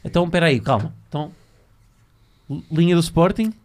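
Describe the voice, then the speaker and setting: A man's voice: fairly high pitch, lively intonation, moderate pace, darkish tone. A man in casual chat, playfully urging his friend on during a prank call. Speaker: friend egging on the caller.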